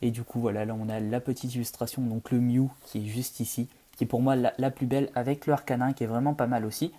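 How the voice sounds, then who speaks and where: A young man chatting casually on camera as he opens a collectible card pack, halting and full of fillers. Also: medium pitch, flat delivery, dark tone. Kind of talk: casual unboxing chat.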